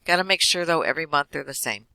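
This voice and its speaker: Fast-talking male accounting lecturer, gravelly. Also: on the high side, lively intonation, pushed and bright, no echo, low-quality recording. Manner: quick, explanatory, with fillers. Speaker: accounting instructor. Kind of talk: recorded slide lecture.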